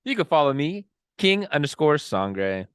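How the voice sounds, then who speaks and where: A man's voice: fairly high pitch, sing-song, measured pace, clean tone, no room sound, clean studio sound. A man co-hosting a podcast, chatting casually with playful exaggerated jokes. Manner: joking, laid-back, playful exaggeration. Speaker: podcast co-host. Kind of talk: casual chat.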